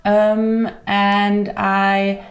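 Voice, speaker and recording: A woman's voice: medium pitch, extremely slow. German-accented woman in a roomy space. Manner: relaxed, laughs easily, hesitant fillers. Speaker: guest, co-living founder. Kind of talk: casual interview answers.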